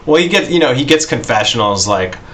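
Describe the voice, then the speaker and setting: A man co-hosting a casual podcast chat, relaxed and quick to laugh, with a lot of "like" and "you know.". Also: mid-range voice. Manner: laid-back, laughs often, says "like" and "you know". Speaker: podcast co-host.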